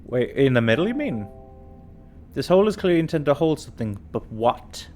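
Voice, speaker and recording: A man's voice: mid-range voice, big pitch swings, brisk, a little mellow, faint music behind. A tired man streaming a puzzle game, talking casually and thinking aloud as he works through it. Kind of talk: casual let's-play commentary.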